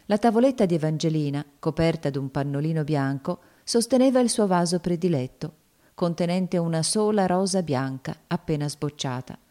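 A woman narrating a novel in a measured, solemn audiobook reading. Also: sits low, lively intonation, dark tone.

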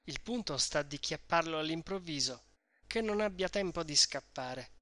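A man reading the part of a shrewd, talkative middle-aged mother who insists and explains things at length, in a bright voice recorded dry. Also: fairly high pitch, lively intonation, normal speed, no room sound. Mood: explaining.

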